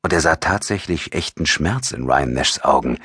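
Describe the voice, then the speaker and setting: A man narrating an audiobook in a steady, measured storytelling manner with a husky voice. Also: very deep voice, no room sound, clean studio sound. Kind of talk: scripted narration.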